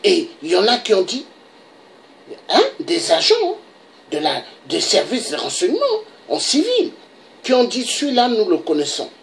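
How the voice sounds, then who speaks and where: A woman's voice: mid-range voice, huge pitch swings, normal speed, creaky, a little hiss or hum. A woman from DR Congo giving an impassioned political monologue, pressing her points and often tagging them with a rhetorical "hein?". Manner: emphatic, repeats "hein?" for emphasis. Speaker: political commentator.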